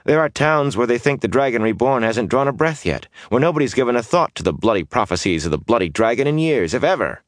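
A man's voice: mid-range voice, very animated, fast talker, few pauses, no echo, studio quality, voice pushed up, close to an everyday voice. A man voicing a restless, bitter young gambler who complains and grows agitated. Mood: pleading.

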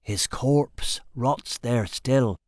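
A man voicing a superstitious old male sailor who tells dark tales in a hushed, foreboding way. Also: medium pitch, extremely slow, no room sound, studio quality. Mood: ominous. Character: old male sea dog, superstitious and ominous.

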